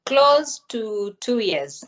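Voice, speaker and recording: A woman's voice: a little high, drawn-out words, dull audio. Young woman on a video call. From Uganda. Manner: calm, explanatory. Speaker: guest. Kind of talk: answering interview questions.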